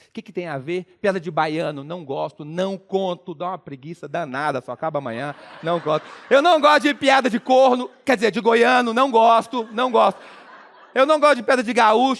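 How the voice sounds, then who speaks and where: High, gravelly man with a mineiro accent. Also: a bit bright. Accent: Minas Gerais Brazilian Portuguese. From Minas Gerais, Brazil. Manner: playful, teasing the audience with jokes. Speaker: motivational speaker. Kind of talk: comic stage talk to a live audience.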